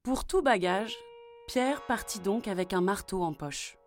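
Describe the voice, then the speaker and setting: A woman's voice: medium pitch, faint music behind. A woman reading a children's fairy tale aloud as a storyteller. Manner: slow, expressive storybook telling.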